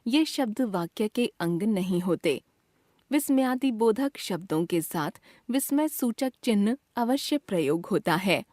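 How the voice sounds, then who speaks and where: A woman's voice: medium pitch, a little slow, dry recording, clean studio sound. A woman reading a scripted grammar lesson, acting out the example exclamations with feeling. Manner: reads examples with expressive emotion.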